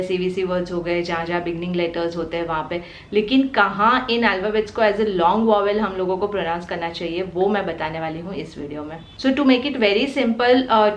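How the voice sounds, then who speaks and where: A woman with an Indian accent, hosting a parenting channel and patiently explaining phonics step by step, sounding out letters slowly. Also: medium pitch, echoey room. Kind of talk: explanatory home teaching video.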